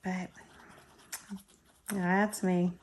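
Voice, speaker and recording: Speaking extremely slowly, this crafting channel host has a fairly low, level, darkish voice, with slight background noise. She's a middle-aged Floridian with a South Georgia drawl who chats casually at her craft table, rambling and poking fun at herself as she crafts.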